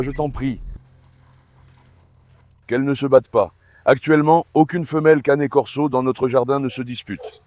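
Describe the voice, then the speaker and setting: A man's voice: fairly high pitch, a little mellow. A middle-aged man hosting a casual dog-farm vlog, chatting to viewers and calling out fondly to his dogs. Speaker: dog breeder and channel host.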